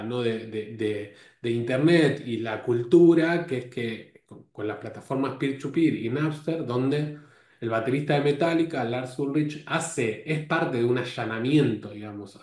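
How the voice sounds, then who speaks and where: A man's voice: mid-range voice, a little mellow. A man giving a live lecture to a course, often restarting his phrases and checking in with his listeners. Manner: stumbling restarts with tag questions. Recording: roomy echo.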